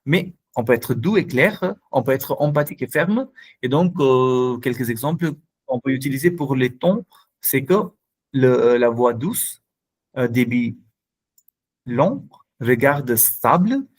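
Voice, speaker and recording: A man giving a language school talk on nonviolent communication, explaining slowly with many hesitations and fillers. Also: medium pitch, lively intonation, husky. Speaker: French teacher.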